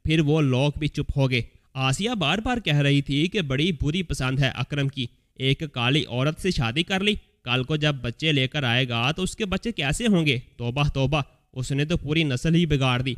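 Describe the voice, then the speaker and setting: A man reading a scripted story aloud as a voice-over, telling it in the first person as an elderly mother in a steady storytelling manner. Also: fairly high pitch. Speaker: story narrator. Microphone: voice-over recording.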